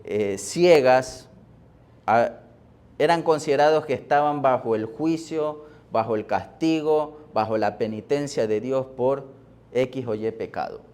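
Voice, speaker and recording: A man preaching a sermon as pastor, deliberate, with pauses and fillers, rising in force on key words. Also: medium pitch, a little mellow. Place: church.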